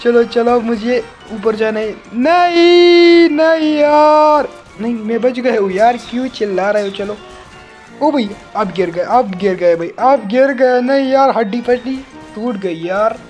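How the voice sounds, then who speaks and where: A man giving excited let's-play commentary as a gaming channel host. He yelps, repeats words over and over, and keeps calling the viewer brother. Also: high-pitched, moderate pace, soft background music.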